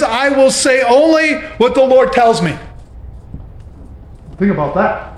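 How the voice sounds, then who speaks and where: A man's voice: very high voice, fairly bright tone, roomy sound. A man preaching a sermon who reads scripture aloud and stops to explain it in his own words.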